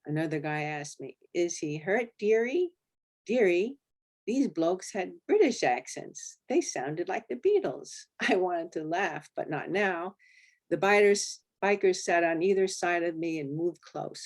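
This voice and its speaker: A woman author reading aloud from her memoir at a library talk, in a steady, flat monotone. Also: on the low side, unhurried.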